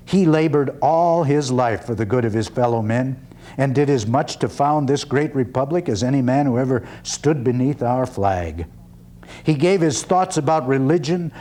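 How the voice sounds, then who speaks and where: In a dramatic one-man stage reading, a man plays an earnest, skeptical 19th-century orator, phrasing things deliberately and emphatically with pauses. His voice is medium-pitched and mellow.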